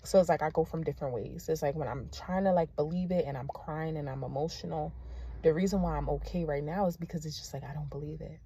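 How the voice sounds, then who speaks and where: A young woman teacher, giving a candid vlog update straight to her viewers, often soft and subdued. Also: sits low, quick pace, a little hiss or hum.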